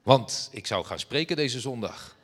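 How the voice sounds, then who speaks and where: Animated preacher in a reverberant hall. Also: male voice, medium pitch, unhurried. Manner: lively storytelling, acts out dialogue, animated. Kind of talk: sermon anecdote.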